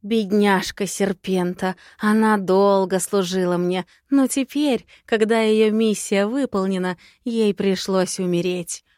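A woman voicing a scheming, cruel witch who taunts in drawn-out, sing-song phrases. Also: mid-range voice, steady tone, a little mellow, no room sound, clean studio sound, close to an everyday voice. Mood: mocking. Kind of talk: audiobook character voice.

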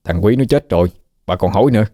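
A man's voice: deep voice, lively intonation, fast talker, warm tone, no room sound, clean studio sound. A man voicing a furious young village man ranting accusations.

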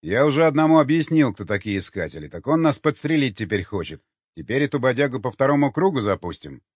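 A man's voice: medium pitch, very animated, fast, breathy edge, no room sound. A man voicing a weary, blunt expedition leader who talks with sarcastic exasperation. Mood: exasperated. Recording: dull lo-fi dry recording.

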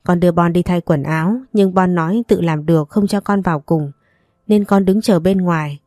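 A woman's voice: lowish voice, moderate pace, darkish tone, no echo, studio quality, lightly acted. Woman reading a frightened young woman. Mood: apologetic.

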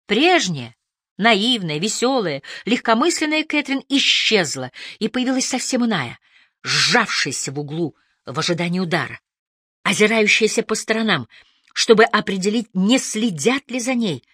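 A woman narrating a first-person story as an audiobook reader, with an expressive delivery that moves between hushed and lifted tones. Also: mid-range voice, moderate pace, breathy edge, dry recording, studio quality.

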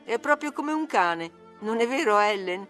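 A woman's voice: fairly high pitch, animated, a little slow, a bit bright, soft background music, voice pushed up. A woman reading aloud, voicing a petulant, teasing young woman who turns pleading with her cousin. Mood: mocking. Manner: needling, then tearfully pleading.

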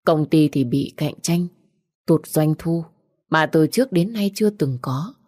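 A woman narrating a melancholy romance story in a steady, somber way. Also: low-pitched, a little slow, dry recording, clean studio sound.

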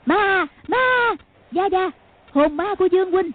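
A woman's voice: very high voice, animated, measured pace, pitched above the performer's own voice. A woman voicing a frightened, simple-minded young woman who stammers and repeats her words in panic. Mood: shrieking fright. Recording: phone-like lo-fi sound.

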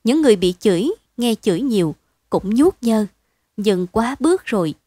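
A woman reads a story aloud for bedtime in a steady, expressive way. Her voice sits a bit high. The recording is dry and close, with no room sound. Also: normal speed, no room sound. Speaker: narrator.

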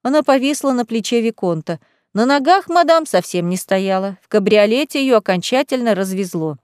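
A woman reading a fantasy novel aloud as the narrator, in an even, measured way. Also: on the high side, clear, resonant tone, no room sound, clean studio sound. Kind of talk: audiobook narration.

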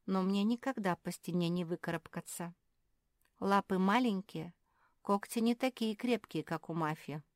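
A woman's voice: medium pitch, moderate pace, a little mellow, no echo, clean studio sound, voice pushed up, close to an everyday voice. A woman voicing a sour, complaining small female animal in a storybook. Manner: sour, sobbing.

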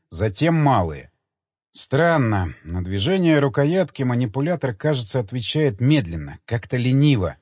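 A man narrating an audiobook in a lively, dramatic storytelling manner, in a slightly muffled dry recording. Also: medium pitch, slightly rough, no room sound.

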